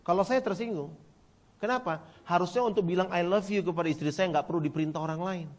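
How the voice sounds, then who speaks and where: Man, pastor, high voice, emphatic sermon, loud peaks and hushed stretches, calls out to the congregation. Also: fast. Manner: emphatic preaching, rising to near-shouts, then dropping quiet; addresses congregation directly, asks for replies.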